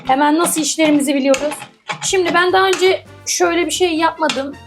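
Brief: high-pitched woman, teasing cooking-vlog co-host, clear music underneath. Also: steady tone, brisk. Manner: playful and teasing, laughs often. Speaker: co-host of a couple's cooking channel. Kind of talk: casual cooking vlog chat. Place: home kitchen.

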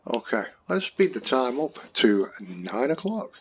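A man's voice: medium pitch, measured pace, lo-fi sound, slight background noise. A man, hosting casual, jokey commentary over a farming game he is playing. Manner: chatty, jokey, relaxed. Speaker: gaming channel host.

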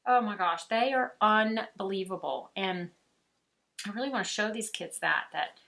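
A woman's voice: mid-range voice, normal speed, creaky, a bit bright. A woman from Alabama with a mild Southern accent, an art teacher chatting casually and laughing often as she paints. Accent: Southern American. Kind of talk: casual chat while painting.

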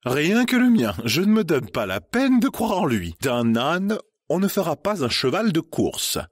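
A man putting on a snobbish older society woman from a storybook, voice raised high and pinched with disdain. The recording is dry and close. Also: very animated, unhurried, no echo. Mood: disdainful. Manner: haughty, pinched.

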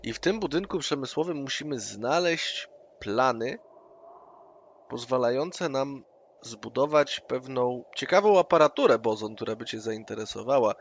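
A player at an online tabletop game roleplays his character in a persuasive, scheming way. His mid-range voice is animated and moves at a normal pace, and the call audio sounds dull and noisy.

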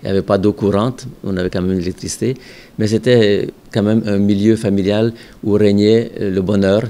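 An older man with a lowish voice, a religious brother and school director from Ontario, Canada, sits at his office desk with a microphone before him. He answers interview questions calmly, recalling his past in a measured, reflective way with some hesitations.

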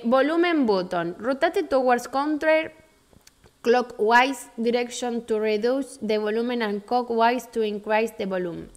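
A young woman with an Argentine Rioplatense accent, chatting frankly with viewers on a live stream and greeting them by name. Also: a little high. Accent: Argentine Rioplatense Spanish. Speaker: livestream host. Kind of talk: casual live-stream chat.

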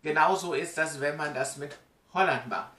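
Speaking at a normal speed, this German vlogger has a slightly high voice that comes across pushed and bright. He talks chattily and emphatically straight to the camera from a small indoor room at home, and the webcam recording has a distant, roomy sound.

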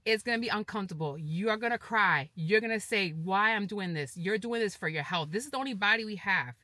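A woman's voice: medium pitch, expressive, brisk, bright, forceful tone, dry recording. A woman, chatting casually and upbeat in a fitness vlog, motivating viewers and repeating herself often. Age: 40s. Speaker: fitness vlogger. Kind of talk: casual vlog chat to camera.

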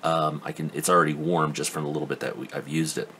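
Indoors at his workbench, a man gives a casual hands-on tool review, rambling and doubtful, full of ums and restarts. His bass voice is pushed and bright, with little pitch movement and a quick pace, over slight background noise.

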